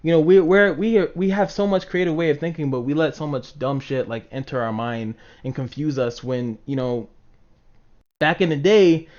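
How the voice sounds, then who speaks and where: At a moderate pace, a man with a fairly high, slightly mellow voice rambles to his livestream chat, swearing casually and acting out reactions along the way. The audio is dull and lo-fi.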